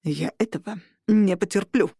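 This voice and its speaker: A woman's voice: medium pitch, normal speed, vocal fry, mellow, slightly rough, no echo, clean studio sound. A woman voicing a stern male war priest who declares and scolds. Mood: outraged.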